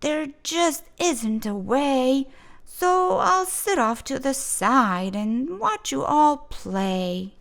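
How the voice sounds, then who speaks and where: A woman's voice: high voice, animated, drawn-out words, vocal fry, fairly bright tone, heavily acted. A woman voicing a gloomy, reluctant young male rock in a read-aloud picture book, sighing as he talks. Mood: dejected. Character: glum young male rock with a flat side.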